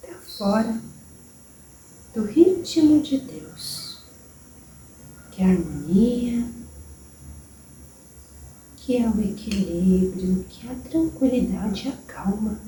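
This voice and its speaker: A spirit medium with a Brazilian accent channels a gentle, wise old grandmother spirit, speaking slowly and soothingly in a tender, motherly tone that slips into whispers. Her mid-range voice has lively intonation, recorded from a distance in a roomy space with slight background noise.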